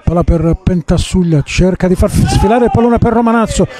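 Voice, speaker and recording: A man giving excitable live football play-by-play commentary, drawing out words. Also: sits high, a little fast. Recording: clear crowd and ambient noise. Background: crowd at outdoor football ground.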